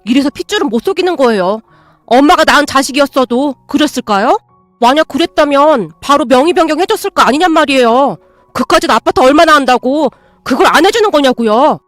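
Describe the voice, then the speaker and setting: Greedy grown son, loud and rude, read by a woman, high voice, dry close sound, faint music behind. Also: normal speed, hardly any pauses, no echo, lightly acted. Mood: demanding. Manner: loud, demanding, snapping.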